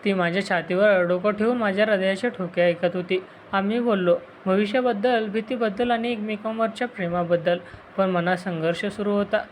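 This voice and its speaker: A woman reads a scripted first-person love story aloud in a steady, feeling way. Her voice sits at an ordinary middle pitch. A faint hiss stays underneath. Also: normal speed, low-quality recording. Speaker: story narrator.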